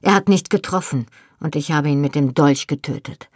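A fierce young Highland husband, proud and stung, speaks low and rough with passion, as a woman narrator reads him. The voice sits deep and husky, set close and dry with no room sound. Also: normal speed, darkish tone, dry recording. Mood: raw, pained.

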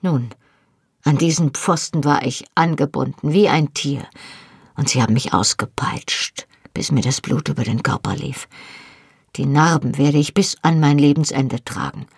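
A woman reading an audiobook voices a fierce, proud young Highland husband, speaking low and rough with passion. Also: a little slow, dry recording, clean studio sound. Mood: raw, pained.

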